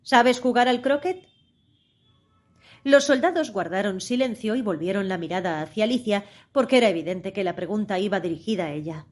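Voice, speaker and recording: A woman narrating a storybook in a measured, expressive reading. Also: mid-range voice. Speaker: audiobook narrator.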